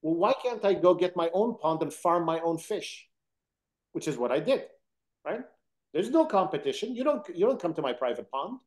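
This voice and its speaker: A man's voice: fairly high pitch, animated, normal speed, a little mellow. Earnest man from Egypt and Sudan. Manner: earnest, determined, storytelling. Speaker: interview guest, company founder. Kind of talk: conversational interview.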